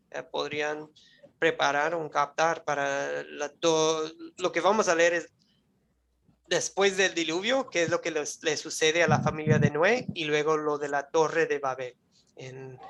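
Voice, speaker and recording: In a mid-range, fairly bright voice, a Bible course teacher leads a live online class in Spanish, a non-native language, speaking conversationally. They check in with listeners often, restart phrases while hunting for words, and close the lecture with a prayer.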